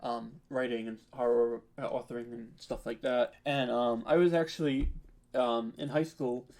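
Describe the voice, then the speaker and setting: This podcast guest, an audio drama writer and producer, speaks at normal speed with a mid-range, darkish voice and fairly even intonation. The conversation is casual and informal, and he's hesitant and self-deprecating, keeping modest about himself.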